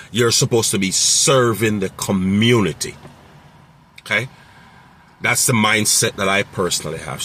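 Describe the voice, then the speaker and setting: A man's voice: fairly low pitch, pushed and bright, a little hiss or hum. A man who runs a mobile mechanic business, giving casual, rambling advice with many fillers and repeated phrases.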